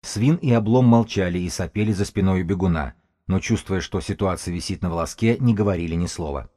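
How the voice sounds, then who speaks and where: A man narrates an audiobook in a steady, even way. His voice is very deep and dark, with a mellow, unhurried warmth.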